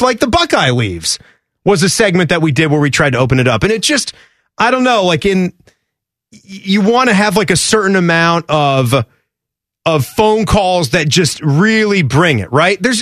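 A man's voice: high-pitched, sing-song, moderate pace, fairly bright tone, no room sound. A man hosting a casual sports radio show in a studio, rambling and correcting himself as he thinks aloud. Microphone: studio broadcast mic.

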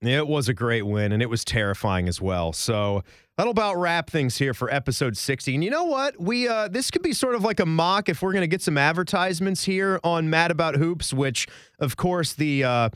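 A man's voice: fairly high pitch, lively intonation, moderate pace, a bit bright, clear, resonant tone, no echo. A man hosting a casual college basketball podcast, chatty and jokey, recorded in a station studio. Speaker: podcast host. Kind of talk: casual sports podcast chat.

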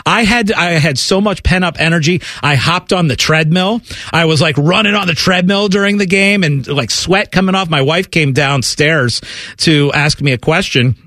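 An excitable man hosts a sports betting chat, his voice sitting a little high for a man. He tells his stories lively, acting out his own reactions along the way. The sound is dry and close, with no room around it. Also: moderate pace, no room sound. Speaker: sports betting show host.

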